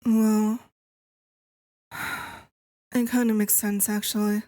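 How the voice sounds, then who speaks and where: Girl doing a yandere wife asmr ASMR role-play, sweet but eerily obsessive, slow and soft, super dry close sound. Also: mid-range voice, little pitch movement, no echo, lightly acted.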